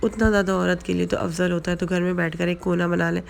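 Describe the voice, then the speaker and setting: Hoarse woman with a gravelly, flat voice. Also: lowish voice, slight background noise. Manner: chatty, repeats fillers, mixes in English words. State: hoarse from flu and sore throat. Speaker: vlogger. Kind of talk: casual religious advice vlog.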